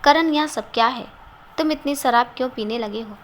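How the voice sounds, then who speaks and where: An outspoken, caring young woman with a sharp tongue, as a woman reads her lines in a story. She talks in a scolding, direct way, in a fairly high voice, with a light hiss in the background. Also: normal speed, lightly acted.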